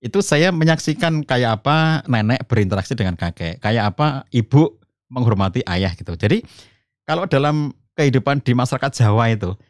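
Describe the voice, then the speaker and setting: A middle-aged man from Central Java explains family matters calmly to a podcast host, his voice climbing higher whenever he stresses a point. The sound is dry and close, with no room around it. His pitch sits at an ordinary level for a man. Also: moderate pace, no echo. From Solo region, Central Java. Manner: calm explanatory, addresses host as Ustaz, rises in pitch for emphasis. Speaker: family counselor, podcast guest. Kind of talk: conversational religious talk.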